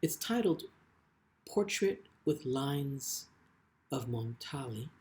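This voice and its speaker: A poet reads his own work in a literary style, offering brief spoken introductions between poems. His mid-pitched voice is expressive and slightly mellow, and his delivery is very slow and measured, with frequent pauses separating phrases.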